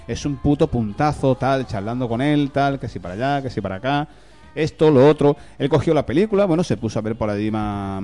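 A man from hosting a podcast, telling anecdotes in a lively, casual way with swearing and laughter. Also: medium pitch. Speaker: podcast host. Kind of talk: casual chat, storytelling.

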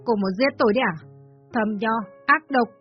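Shrill scolding old mother-in-law, put on by a woman. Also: fairly quick, natural voice. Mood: wailing, furious. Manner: shrill, accusing. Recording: slightly dull lo-fi with faint music.

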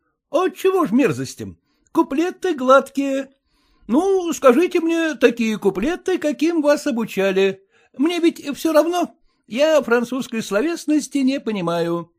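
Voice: sits high, very animated, a little slow, a little mellow. Reader doing a coarse, pushy young husband. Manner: folksy old-fashioned speech, coaxing and nagging. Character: newly married merchant husband, pushy and coarse.

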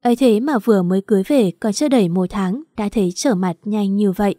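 A woman narrating a first-person family drama story in an even reading voice. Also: medium pitch, fast talker, no room sound, studio quality.

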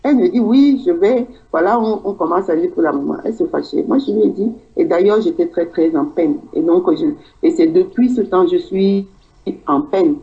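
Cameroonian woman, dark muffled voice. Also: fairly low pitch, moderate pace. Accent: Cameroonian French. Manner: rambling storytelling, acts out quoted dialogue. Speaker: guest. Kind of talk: personal testimony in conversation.

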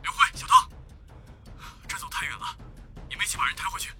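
A man's voice: quick pace, sharp tone, soft background music. A male narrator voicing a firefighter who calls up from a sewer over a walkie-talkie radio, urgent and half-whispered. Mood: urgent, hushed. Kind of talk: storybook narration with acted voices.

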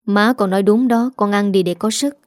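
A woman playing a gentle older father-in-law in a storybook drama, mild and hesitant, never pushing hard. a mid voice, close and dry. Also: medium pitch, a little fast, no room sound, natural voice.

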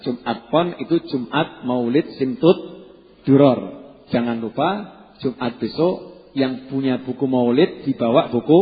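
Joking Javanese preacher in a hall. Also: male voice, medium pitch. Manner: lively and joking, mixing in Javanese phrases. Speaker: Islamic preacher. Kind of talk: casual sermon to a congregation. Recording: dull sound with long hall reverb.

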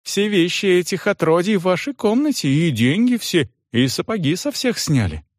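A man's voice: sits high, big pitch swings, moderate pace, dry recording, clean studio sound, pitched above the performer's own voice. A man voicing a sly, fawning innkeeper who talks in an oily, evasive way. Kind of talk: audiobook character voice.

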